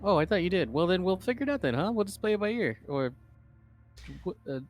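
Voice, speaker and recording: A man's voice: sits high, big pitch swings, a little fast. A man playing a tabletop game, chatting casually in a jokey, playful way.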